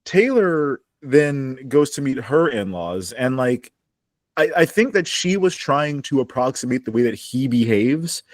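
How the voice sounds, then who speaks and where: A man's voice: medium pitch, measured pace, no echo, clean studio sound. A man co-hosting a casual podcast recap from his home basement, laughing and acting out quotes. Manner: animated, acts out quotes with laughs. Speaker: podcast co-host.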